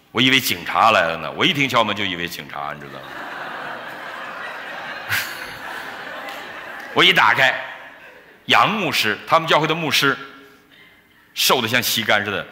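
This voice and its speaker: A man preaching a sermon as a pastor, telling a story in an animated way and acting out the dialogue. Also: lowish voice, slight background noise. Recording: reverberant church hall.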